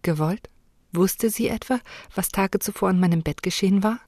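A woman reading a first-person novel chapter as an audiobook narrator, expressive and heightened in dialogue. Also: mid-range voice, fairly quick, no echo, studio quality.

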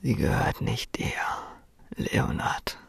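A cruel, cocky young man, put on by a woman narrator in a dark storybook reading. His voice sits low and gravelly, a little husky, and he sneers and laughs at everyone. The recording is dry and close. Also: unhurried, no room sound, heavily acted. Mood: menacing whisper. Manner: sneering, laughing, drops to a soft menacing whisper.

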